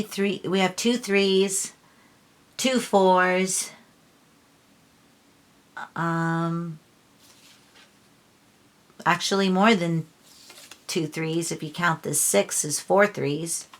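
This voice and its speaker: A woman's voice: lowish voice, steady tone, very slow, pauses often. A woman giving a casual tarot reading on her channel, earnest and preachy, often restarting her sentences and getting emotional. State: emotional, near tears. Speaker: tarot reader.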